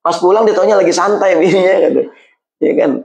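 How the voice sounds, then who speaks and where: A man gives a casual, humorous sermon. He keeps asking the listeners whether they agree, acts out everyday quarrels in different voices, and slows down for Quranic Arabic phrases. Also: sits high, vocal fry, darkish tone. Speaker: preacher.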